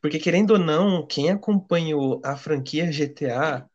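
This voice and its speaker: Higher-voiced young Brazilian man, slangy chat. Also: normal speed, a little mellow, highs cut off. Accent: Brazilian Portuguese. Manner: informal, heavy slang. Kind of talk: casual chat.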